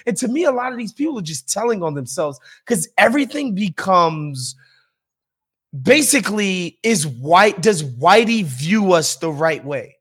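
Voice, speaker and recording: A man's voice: high voice, a little slow, breathy edge. A man co-hosting a podcast, talking in a casual, profane and emphatic way. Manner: profane, animated, emphatic ranting. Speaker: podcast co-host. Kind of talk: casual chat.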